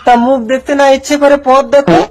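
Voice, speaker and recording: A woman's voice: high voice, flat delivery, fast, vocal fry, heavy background noise. A woman voicing a foolish, naive young village husband in a cartoon, asking childlike bumbling questions. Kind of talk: cartoon voice acting.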